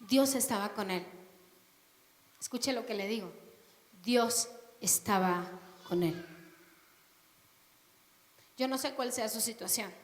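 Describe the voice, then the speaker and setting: High bright woman preaching in echoey hall. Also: normal speed, pauses often. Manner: questions the congregation, rising to loud emphatic scripture reading. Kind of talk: sermon. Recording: echoey hall with long reverb.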